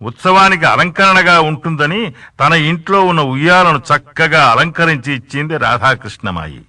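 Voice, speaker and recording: A man narrating a devotional story in a steady storytelling voice. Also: fairly high pitch, normal speed, dry recording. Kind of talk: scripted narration.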